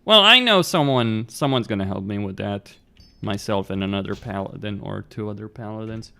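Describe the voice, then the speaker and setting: This young gaming streamer from Romania talks with a lowish, creaky, bright and forceful voice, lively in intonation and moderate in pace. He banters bluntly with viewers on a casual live stream, answering them, laughing a lot and swearing without restraint.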